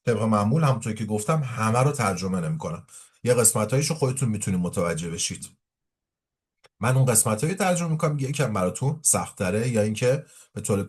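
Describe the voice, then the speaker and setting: Husky low-voiced guy teaching english, reads the story slow then rattles off explanations. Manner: reads English slowly, explains quickly in Persian. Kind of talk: language lesson reading a story aloud.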